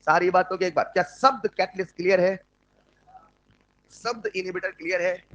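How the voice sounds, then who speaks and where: A man teaching chemistry in an online class, with an Indian accent when he switches to English, who dictates notes slowly and jokes with his students. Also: high voice, a bit bright, highs cut off. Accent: Indian English mixed into Hindi.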